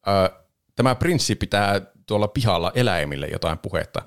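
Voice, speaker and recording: Talking through a film on a laid-back podcast, the male host speaks in a low register with a gravelly edge. Laughter comes easily to him, and he occasionally breaks into quick character impressions.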